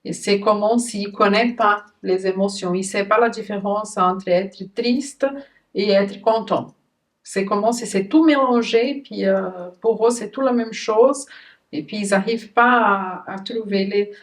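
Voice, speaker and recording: Earnest, halting woman, slightly off-mic. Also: medium pitch, steady tone. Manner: earnest, halting with frequent restarts. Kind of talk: conversational interview. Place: lives in Switzerland. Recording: voice somewhat distant from the mic.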